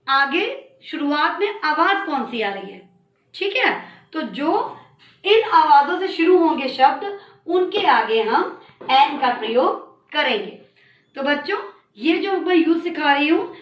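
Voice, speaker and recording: A woman's voice: high-pitched, a bit bright. A woman school teacher giving a grammar lesson to children, patiently repeating her questions and coaxing answers from them. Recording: echoey room, voice from a distance.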